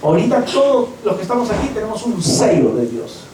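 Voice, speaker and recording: A Peruvian pastor preaching with passion, his voice sitting fairly high for a man. He is recorded from a distance in a church hall, so his words ring with a strong echo. A faint hum of the room stays underneath him. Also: very animated, brisk, warm tone. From Peru. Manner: impassioned preaching, acting out quoted voices. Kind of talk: sermon. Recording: echoey church from far off.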